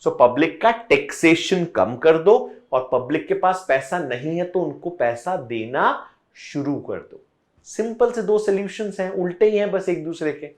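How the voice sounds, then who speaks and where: A man teaching an online economics class in a fairly high voice, slipping between Hindi and English as he goes. He walks students through each point step by step and circles back to repeat what matters. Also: expressive, measured pace. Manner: explains step by step, switching between Hindi and English mid-sentence; talks directly to students, repeating points to drive them home. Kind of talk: online exam-prep lecture.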